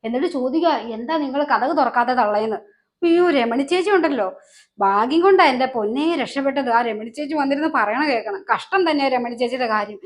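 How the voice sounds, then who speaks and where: A woman playing an excitable gossiping neighbour. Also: high-pitched, fast. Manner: breathless gossip, dramatic. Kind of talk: short-film family drama acting.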